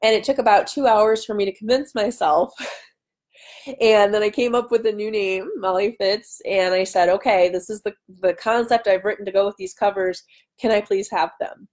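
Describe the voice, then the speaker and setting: This author, a woman in her thirties, hosts a casual live session answering viewer questions, her medium-pitched voice steady, a little mellow, and at normal speed. She rambles chattily, interrupting herself with tangents, recorded in her home dining room by a webcam at arm's length.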